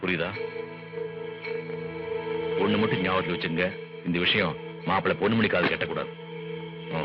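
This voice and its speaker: A man playing a deep-voiced stern landlord. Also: steady tone, close to an everyday voice. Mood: commanding. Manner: slow, authoritative. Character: stern rich village landlord, middle-aged, commanding. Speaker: village landlord. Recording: dull old film soundtrack with music.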